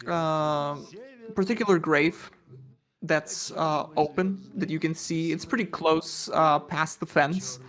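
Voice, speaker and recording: A man's voice: on the high side, fairly bright tone. A man narrating as dungeon master in a tabletop game, describing scenes in a hesitant way with many fillers.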